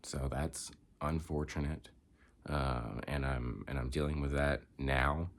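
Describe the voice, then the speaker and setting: A man's voice: a bass voice, fairly even intonation, slow pace, vocal fry. A young man, congested, rambling reflectively in a candid personal vlog with many filler words. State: congested, coughing. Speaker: vlogger.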